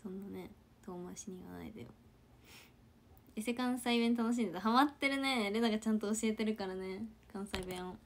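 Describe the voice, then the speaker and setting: Woman, casual livestream chat with viewers; chatty, soft murmured asides. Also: medium pitch, a little fast, a little hiss or hum. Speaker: idol trainee livestreamer.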